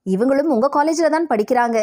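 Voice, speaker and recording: A woman's voice: high-pitched, fast, a little mellow, natural voice. A woman voicing an enthusiastic, chatty young female student in an audio novel. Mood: eager.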